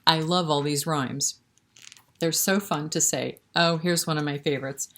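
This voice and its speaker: Reading to young children at library storytime, this woman has a deep voice with fairly even intonation and a normal speaking speed. She recites nursery rhymes and addresses the kids directly, encouraging them to join in.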